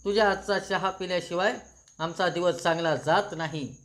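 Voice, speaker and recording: A man voicing a stern old grandmother who heads the household, commanding and measured. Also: high-pitched, steady tone, fairly bright tone.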